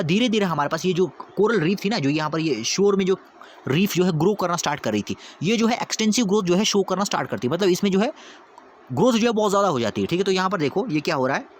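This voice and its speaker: A man's voice: high-pitched, slight background noise. A man teaching a lesson step by step, asking questions and answering them himself, often checking that students follow. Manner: explains step by step, constantly asking and answering his own questions; repeats 'theek hai?' to check understanding. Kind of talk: whiteboard lesson.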